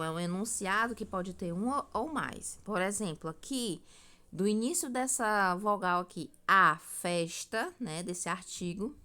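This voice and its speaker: A woman's voice: mid-range voice, a bit bright. A woman, teaching a recorded grammar lesson, explaining step by step and often checking in with her students.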